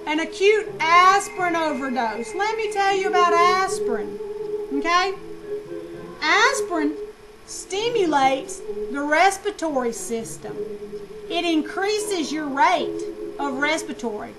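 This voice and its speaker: A woman teaching nursing students in a lively, slangy lecture, asking questions and answering them herself. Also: very high voice, measured pace, over music, low-quality recording. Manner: animated, slangy, asks and answers own questions.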